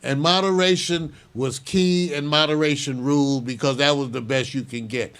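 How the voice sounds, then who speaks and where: An older man hosting a show, giving measured, opinionated news commentary and chuckling now and then. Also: a little high, steady tone, fairly bright tone, clean tone. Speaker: show host.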